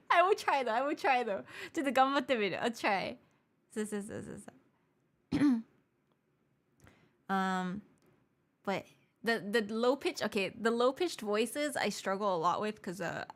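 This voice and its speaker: A woman's voice: mid-range voice, expressive, slow pace, pauses often. Giggly streamer woman with a stuffy nose. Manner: giggly, self-deprecating. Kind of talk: casual live-stream chat.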